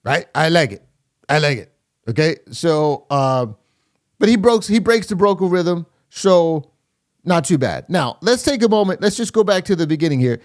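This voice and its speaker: A man's voice: fairly high pitch, lively intonation, moderate pace. A man hosting a casual reaction video, critiquing a rap verse with lots of fillers and scatted rhythms. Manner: many fillers and restarts, scats rhythms aloud. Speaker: host reviewing rap verses.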